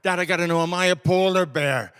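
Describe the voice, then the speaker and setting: A man voicing an anxious little male polar bear cub in a spoken joke, speaking softly and pleadingly. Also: sits high, a little fast, clear, resonant tone, in a large hall, faint music behind, pitched above the performer's own voice. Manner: soft, pleading, hesitant.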